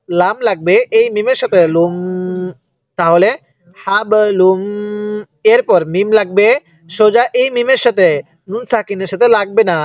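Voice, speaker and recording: A man teaching Quran reading in a slow, step-by-step lesson, spelling out letters and syllables and having the listener repeat after him. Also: sits high. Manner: stretches recited words very slowly. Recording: dry, dull lo-fi sound.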